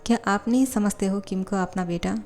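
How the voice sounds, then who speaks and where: A woman's voice: mid-range voice, brisk, creaky, darkish tone, faint music behind, close to an everyday voice. A woman reading the part of an agreeable middle-aged father in a fan fiction voiceover.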